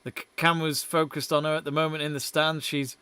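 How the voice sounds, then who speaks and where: Young man, football watch-along host, casual chatty commentary, reads out viewer messages, smooth clear voice, dry close sound. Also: fairly high pitch, flat delivery, quick pace, pushed and bright, no room sound.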